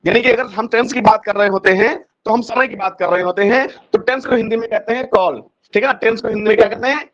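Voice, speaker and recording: A man's voice: high-pitched, fast, a bit bright. A man teaching an English grammar lesson in Hindi, with a Hindi accent, asking questions of his students and repeating the answers. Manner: repetitive, drilling questions to students. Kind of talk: classroom-style grammar lesson. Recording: dull lo-fi recording.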